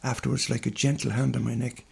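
An older Irishman with a Galway, west of Ireland accent, telling stories in conversation. His voice is husky and creaky, pitched on the higher side, and he wanders through anecdotes, acting out bits of reported dialogue. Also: level tone, quick pace. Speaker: singer and musician being interviewed. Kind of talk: conversational storytelling in an interview.

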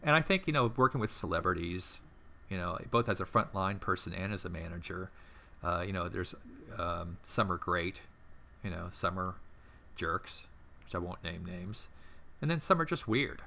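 A middle-aged man telling long anecdotes in an interview, rambling and animated, with many fillers and restarts. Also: low voice, normal speed, gravelly, a little hiss or hum. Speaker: interview guest, former theme park entertainment manager. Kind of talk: casual storytelling interview.

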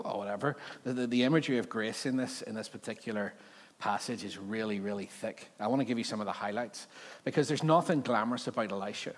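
A male preacher with a Belfast accent delivers an informal sermon at a middling pitch. He talks to his listeners conversationally, putting questions to them and often checking they follow with a short tag question. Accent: Northern Irish, Belfast. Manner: conversational, rhetorical questions, frequent "right?" check-ins.

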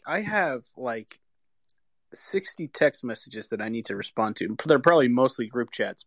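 A man's voice: mid-range voice, fairly bright tone, no echo. An American man co-hosting a live audio chat with casual sports talk.

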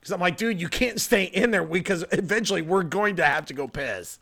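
A man chatting on a podcast, excitedly retelling a shared story and laughing often. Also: sits high, brisk, gravelly. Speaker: podcast co-host. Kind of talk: casual chat.

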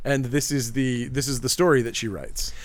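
A man's voice: mid-range voice, steady tone, normal speed, dry recording. Chatty man geeking out on pop culture. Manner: enthusiastic, rambling, laughs often. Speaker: podcast co-host, comic shop worker. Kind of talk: casual chat.

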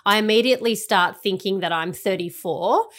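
A woman's voice: medium pitch, moderate pace, fairly bright tone. A woman, co-hosting a casual chat, rambling through stories and laughing often. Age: 30s. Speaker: podcast co-host.

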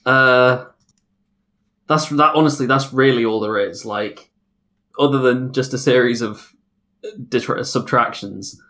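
A man's voice: medium pitch, measured pace, pauses often, bright, forceful tone. A man co-hosting a casual sports podcast, joking and laughing through his lines. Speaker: podcast co-host.

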